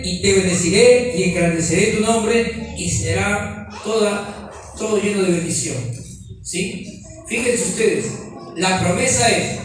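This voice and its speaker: A man preaching a sermon in a church, asking his congregation questions. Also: high voice. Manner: questions the congregation, voseo, slow emphatic delivery. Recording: echoey hall, distant mic, faint music.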